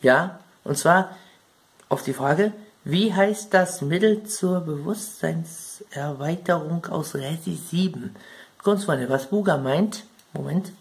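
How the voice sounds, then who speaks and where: A man's voice: fairly high pitch, slow pace, vocal fry. Chatty German man rambling to viewers. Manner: chatty, rambling, keeps addressing viewers as "Kunstfreunde". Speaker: gaming video creator. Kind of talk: casual commentary on game plot points.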